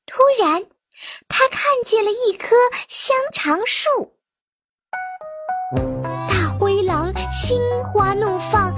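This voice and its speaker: Woman storyteller for kids, high lively voice, gentle music bed. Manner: expressive, sing-song storytelling. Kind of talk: children's story narration. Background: children's music.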